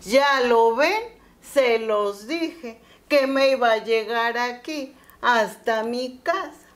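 A woman voicing a lazy, stubborn young village man who drawls his words slowly. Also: a little high. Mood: smug. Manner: slow, drawn-out pleading.

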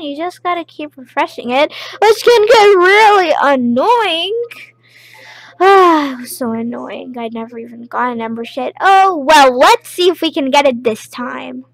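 A woman giving casual, rambling gameplay commentary, with excited outbursts. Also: high voice, moderate pace, vocal fry, hardly any pauses, dry recording. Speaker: gameplay video creator.

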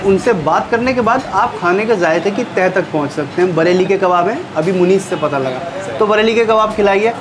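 In a small eatery, a middle-aged man with a high voice tastes dishes and talks them up fairly quickly for a casual food vlog. A crowd can be heard in the background, with music running beneath his lapel-mic audio.

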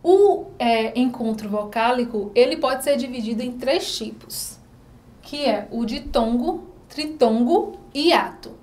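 A woman's voice: a little high, unhurried, a little mellow. A woman teacher with a Brazilian Portuguese accent, giving a recorded lesson to children, patiently repeating syllables and asking questions.

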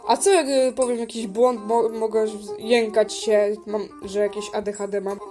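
A woman's voice: on the high side, flat delivery, normal speed, music in the background, lightly acted. A woman voicing a fifteen-year-old girl shorthair cat in a toy-pet video drama, rambling and constantly correcting herself. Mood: excited.

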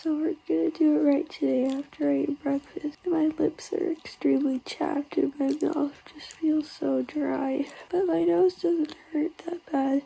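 Woman, congested, high voice, gravelly, casual vlog chat, half whispered. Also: mellow, low-quality recording. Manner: chatty, often drops to a whisper. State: congested after nose surgery. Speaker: vlogger.

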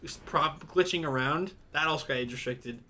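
A man's voice: fairly high pitch, pushed and bright. A man hosting a gaming stream, chatting casually with friends and joking around. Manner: joking, quick laughs. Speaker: streamer host.

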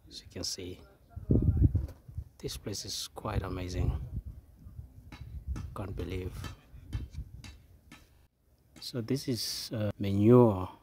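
A man's voice: deep voice, takes it slowly, pauses often, dark tone, a little hiss or hum. A man hosting a casual vlog, interviewing a grower outdoors and chatting to the camera, often echoing answers back. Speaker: video host and interviewer. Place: outdoors at a plant nursery.

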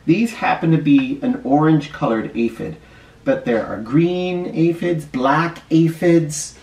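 This first grade teacher, a middle-aged man, talks young children through a picture book he reads aloud, stressing key words in simple explanations. The pitch is fairly high, the delivery slow and a little mellow. Audio is roomy, taken by a camera microphone a short distance away.

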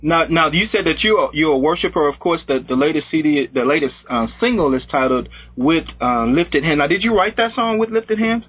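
Male radio host, husky, somewhat high voice, thin lo-fi sound, encouraging. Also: fairly quick, hardly any pauses. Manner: encouraging, short affirmations. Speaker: radio interviewer. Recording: phone-like band, dry.

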